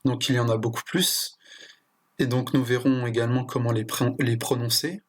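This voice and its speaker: Man, language teacher, husky voice, halting explanations with fillers. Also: medium pitch, steady tone. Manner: hesitant, with frequent fillers and restarts. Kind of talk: explanatory lesson.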